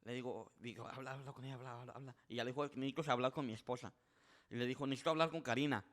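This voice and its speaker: Man, podcast guest, animated storytelling, acts out quoted voices, average pitch. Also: rapid-fire. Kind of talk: casual storytelling.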